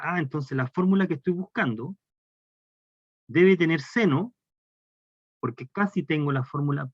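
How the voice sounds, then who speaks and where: A math lecturer with a Chilean Spanish accent walks his class through calculus step by step, asking them questions along the way. His voice is on the high side and a little mellow. The lo-fi recording is dry and dull, with no room sound.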